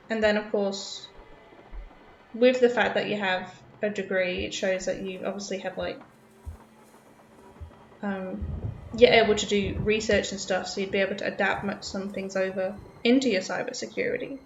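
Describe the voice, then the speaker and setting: The speaker is a UK woman partly brought up in Australia, streaming a game and making casual, rambling conversation with her audience while sounding nervous and self-conscious. Her mid-range voice has fairly even intonation and a moderate pace. The lo-fi, roomy sound has slight background noise.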